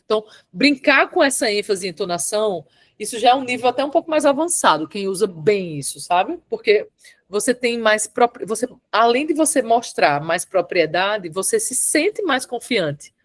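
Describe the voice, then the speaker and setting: A woman leads a public speaking lesson over a video call with a mid-range voice. She talks emphatically, slowing down and stretching the words she wants to stress, and keeps checking in with her listeners. The sound is dry and close. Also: medium pitch, lively intonation, dry recording. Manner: emphatic, drawn-out stressed syllables, frequent "tá?" and "certo?" checks. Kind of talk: online workshop lesson.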